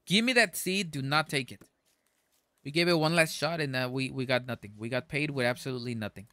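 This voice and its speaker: Bright-voiced excitable male game streamer. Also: medium pitch, brisk, no room sound. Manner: excitable, swings into sudden outbursts and stammers. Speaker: gaming streamer. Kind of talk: casual gameplay commentary to chat.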